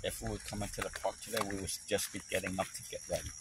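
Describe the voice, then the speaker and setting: A man's voice: deep voice, little pitch movement, very fast. A man making practical, matter-of-fact remarks in casual chat outdoors in a park, picked up by a phone. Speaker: family member on a camping trip. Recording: phone recording with outdoor noise.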